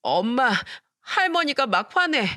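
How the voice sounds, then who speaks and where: A whimpering young boy in a story radio drama, voiced by a woman, high and bright, sounding close and dry. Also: big pitch swings, unhurried, no room sound, heavily acted. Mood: tearful. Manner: whimpering, childlike. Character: tearful eight-year-old boy.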